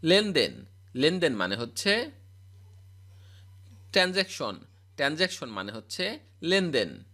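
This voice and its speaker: Male English tutor, lively, slightly high, recites word pairs in steady repetition. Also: unhurried. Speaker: spoken English teacher. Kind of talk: scripted vocabulary drill.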